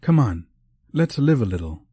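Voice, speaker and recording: A man voicing a cheerful, playful young woman teacher in an audiobook, lifting his voice higher and teasing. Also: sing-song, normal speed, mellow, slightly rough, no echo, clean studio sound. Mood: lively. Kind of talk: audiobook character voice.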